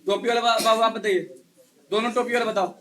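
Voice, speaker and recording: A male chemistry teacher in a live class, quizzing students one by one and hushing the noisy ones. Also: high voice, steady tone, quick pace. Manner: quizzes students one by one, scolds and hushes them. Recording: echoey classroom.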